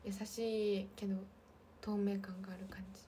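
A woman in her twenties with a light lilt, chatting casually on a livestream and reading viewer comments, often slipping into soft half-whispers. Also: mid-range voice, level tone, moderate pace, a little hiss or hum. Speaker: idol livestream host.

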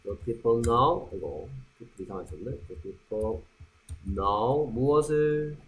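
A man teaching English in a classroom, slowly repeating English phrases after Korean prompts. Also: medium pitch, lively intonation. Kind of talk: classroom drill lesson.

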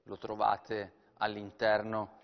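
A man's voice: fairly low pitch, completely flat delivery, slow. Male auctioneer in a very reverberant hall. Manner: descriptive sales patter with repeated phrases. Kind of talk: live televised auction sales commentary. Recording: dull, very reverberant hall sound.

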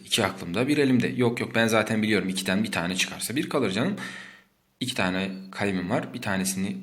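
A man teaching young children subtraction in a playful way, counting numbers slowly aloud. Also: on the low side, fairly bright tone. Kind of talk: math lesson for young children.

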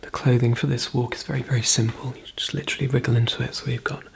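A woman in her thirties performing a fast whispered role-play as a brisk, chatty makeup artist, murmuring softly close to the microphone. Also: extremely low pitch, little pitch movement, a little hiss or hum. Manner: fast, breathy ASMR whispering and soft murmuring. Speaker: ASMR performer.

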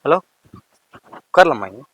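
A man with a Tamil accent, talking in hidden-camera prank banter on a park bench outdoors, complaining and ranting loudly. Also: a little slow, heavy background noise. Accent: Tamil Nadu.

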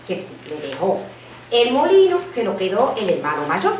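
A woman telling a fairy tale to children at a school, expressive and lively. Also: mid-range voice, moderate pace, a little hiss or hum. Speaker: parent reading aloud at school. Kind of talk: storytelling to children. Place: school room. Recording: echoey room, mic far off.

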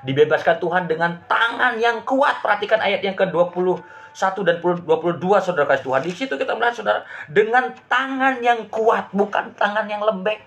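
A man's voice: high-pitched, lively intonation, fairly quick, a bit bright. A male pastor preaching a sermon, reading scripture aloud and then explaining it plainly, and often addressing his listeners as beloved brothers and sisters.

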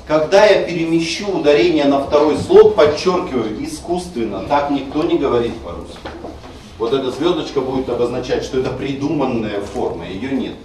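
A man teaches Russian stress in a screencast, laying out pronunciation rules and voicing sample words to demonstrate. He talks a little fast in a mid-range, darkish voice. Captured from afar, the sound is roomy and full of echo over a faint hiss.

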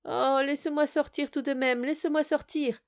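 A woman's voice: a little high, moderate pace, darkish tone, close to an everyday voice. A woman voicing a boastful, tricky male bottle spirit in an audio fairy tale, with a thin, pleading voice that can turn menacing. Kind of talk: storybook audio reading.

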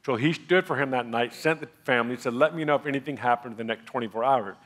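A man in his thirties preaching from a large church stage into a headset mic. His delivery is conversational and easy, and it builds to excited emphasis while he recounts a testimony. His pitch sits in the ordinary middle range. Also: quick pace. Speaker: pastor. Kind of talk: sermon with testimony.

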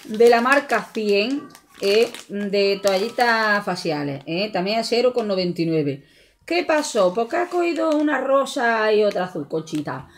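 A woman's voice: mid-range voice, expressive, measured pace. Chatty Andalusian woman showing a shopping haul. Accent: Andalusian Spanish. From Andalusia, Spain. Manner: chatty, jokey, talks to viewers as friends. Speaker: vlogger. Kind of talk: casual shopping haul vlog. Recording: faint background noise.

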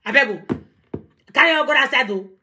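A woman with a Nigerian accent hosting a live video call, animated and confrontational, mixing Pidgin English. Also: sits high, brisk. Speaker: talk show host.

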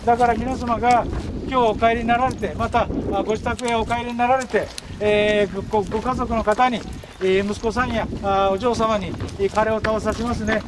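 A man, giving a folksy guided-tour explanation with drawn-out fillers and anecdotes. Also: high voice, fairly even intonation. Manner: folksy, drawn-out fillers and frequent tag words. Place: open outdoor grounds. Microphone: camera a few steps away. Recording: outdoor camcorder audio with clear ambient noise.

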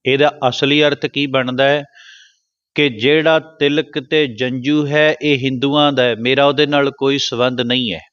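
A Punjabi man giving a Sikh religious discourse, slowly intoning scripture lines and then explaining them quickly. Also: medium pitch, steady tone, fairly bright tone, dry recording, dull audio. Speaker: Sikh preacher.

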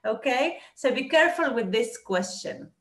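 A woman teaching a class, explaining patiently and repeating words slowly. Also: a little high, lively intonation, fairly bright tone, roomy sound. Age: 30s. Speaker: Arabic teacher.

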